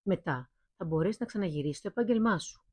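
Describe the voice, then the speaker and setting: A woman's voice: fairly low pitch, lively intonation, a little mellow, husky, dry recording. A woman voicing a friendly male bathhouse worker who reassures his old friend.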